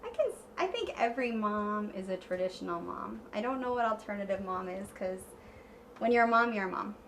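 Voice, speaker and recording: A woman's voice: mid-range voice, expressive, fairly quick, a bit bright, a little hiss or hum. A woman interviewed as a mother about parenting, speaking bluntly and with emphasis. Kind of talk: documentary interview.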